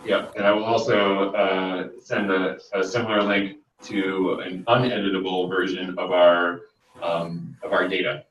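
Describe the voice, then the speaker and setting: Male teacher, low voice, matter-of-fact, distant roomy sound. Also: level tone, unhurried, fairly bright tone, highs cut off. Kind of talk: casual conversation on a video call. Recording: distant, roomy with faint background noise.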